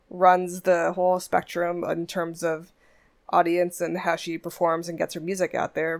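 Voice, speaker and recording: A woman with a somewhat low voice hosts a music podcast in a relaxed, chatty way. She introduces songs with loose asides, small restarts and frequent laughs.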